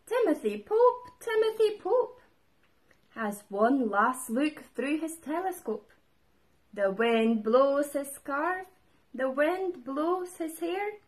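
Lively woman reading a picture book. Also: sits high, takes it slowly. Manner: lively, expressive, shouts character lines. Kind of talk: storybook read-aloud for young children.

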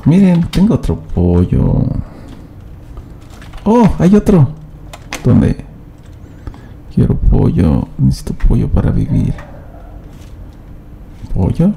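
A man's voice: mid-range voice, wildly swooping pitch, slow, gravelly, pauses often, mellow, a little hiss or hum. A man doing live gameplay commentary as a streamer, chatting and teasing his viewers directly. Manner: chatty, addresses chat directly, teasing banter.

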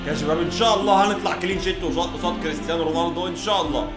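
A young man with an Egyptian accent, commentating his own football video game match and shouting and pleading at the play. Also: a little high, steady tone, rapid-fire. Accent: Egyptian Arabic. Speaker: gaming YouTuber. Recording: echoey room with game music.

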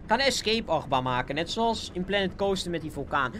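Lively young Dutch streamer, chatty. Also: male voice, high-pitched, brisk, slight background noise. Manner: chatty, bouncy, giggly, thanks donors. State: sore throat. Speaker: gaming livestreamer. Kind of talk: casual live game commentary. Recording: faint music behind.

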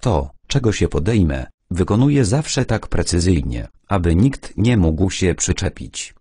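A man's voice: low-pitched, very animated, unhurried, warm tone, husky, no echo, clean studio sound, full character voice. A man voicing a boastful male art forger who swings between whining and bragging, in a storybook reading. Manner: self-pitying, then boastful.

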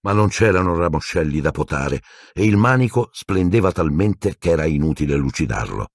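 A man narrating an audiobook with expressive, storytelling intonation. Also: deep voice, normal speed, dry recording, studio quality.

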